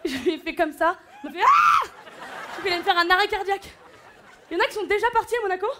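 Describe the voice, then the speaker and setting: A woman's voice: very high-pitched, quick pace, heavy background noise. A woman doing stand-up comedy on a large stage, brash and teasing the audience. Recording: live show with music and crowd. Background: music and audience laughter.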